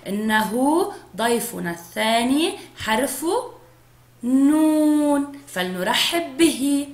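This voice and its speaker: A woman teacher giving a first-grade phonics lesson, speaking slowly and clearly to young children. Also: high-pitched, lively intonation, reverberant. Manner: slow, clearly drawn-out speech to young children.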